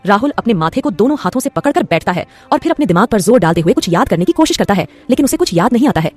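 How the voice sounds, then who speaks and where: A woman narrating a dramatic audio story in a brisk storytelling manner. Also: mid-range voice, very animated, a little mellow, faint music behind.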